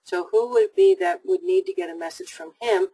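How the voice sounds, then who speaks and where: A woman's voice: extremely high pitch, very animated, a little fast, vocal fry, dark tone, low-quality recording. A woman hosting a live call-in psychic webinar, giving readings to callers in an upbeat, reassuring way.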